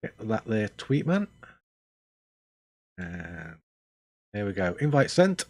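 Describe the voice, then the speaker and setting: A man's voice: fairly low pitch, very animated, slow pace, a little mellow, no echo. An older man chatting casually on a game stream, rambling with dry, self-mocking humor. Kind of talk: casual live-stream chat.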